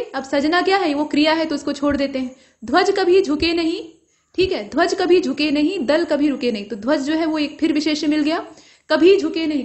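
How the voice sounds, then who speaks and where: A woman teaching an exam-prep grammar lesson, explaining each answer step by step and putting questions to the viewer. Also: high-pitched.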